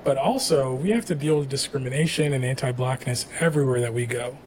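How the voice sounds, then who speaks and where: A man hosting a podcast interview, asking questions in a relaxed conversational way. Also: medium pitch, fast, a little hiss or hum, rough recording. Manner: conversational, frequent affirmations. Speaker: podcast host. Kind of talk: casual interview chat.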